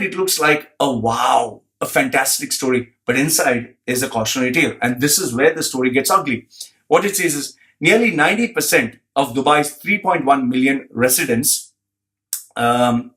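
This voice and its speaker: A man's voice: mid-range voice, a bit bright. A man giving a blunt, profane commentary, repeating phrases for emphasis and reading out an article.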